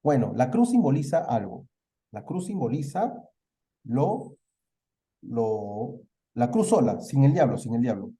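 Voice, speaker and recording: A man's voice: medium pitch, very animated, unhurried, warm tone. A man with a Peruvian Spanish accent teaching a live online literature review, asking questions and then answering them himself.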